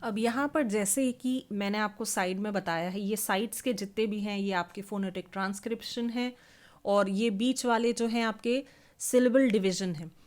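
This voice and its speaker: A woman with an Indian accent teaching an English phonology lesson, reading definitions slowly and explaining in a mix of Hindi and English. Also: mid-range voice, darkish tone. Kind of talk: online class lesson.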